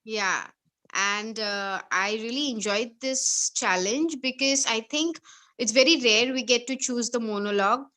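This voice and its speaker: Brief: woman, bright tone, earnest video-call participant. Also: a little high, a little slow. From India. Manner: earnest, enthusiastic.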